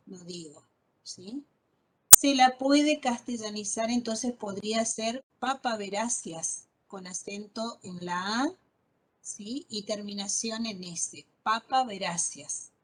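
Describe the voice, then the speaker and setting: A woman's voice: medium pitch, slow, a little hiss or hum, low-quality recording. A woman teaching a botany class, patiently spelling out terms and checking understanding with frequent questions. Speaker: botany lecturer. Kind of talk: online class lecture.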